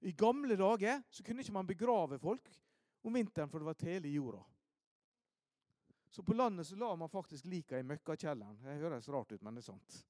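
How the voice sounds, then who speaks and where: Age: adult. Sex: man. Style: storytelling sermon, high voice, dry sound. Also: no room sound. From Norway, Ålesund. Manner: animated storyteller, swings from loud emphasis to hushed asides. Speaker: preacher.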